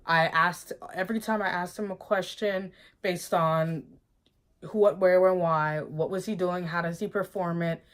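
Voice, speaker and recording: A woman vlogging in a casual, chatty way, emphatic and quick to laugh, who often checks in with "okay?". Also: fairly low pitch. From United States. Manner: laughs often, bursts of excitement. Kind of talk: casual chat to camera.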